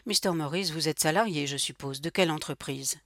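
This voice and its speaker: A woman voicing a cold, polite male robot salesman who speaks with calm, metallic confidence in a formal sales pitch. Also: a little fast, no echo, studio quality. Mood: coolly persuasive.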